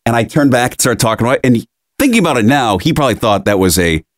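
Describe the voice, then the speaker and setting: A man's voice: medium pitch, quick pace, no room sound, studio quality. A man co-hosting a podcast, telling a story in casual chat and acting out the voices of people in it. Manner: animated storyteller, acts out quoted voices. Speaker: podcast co-host.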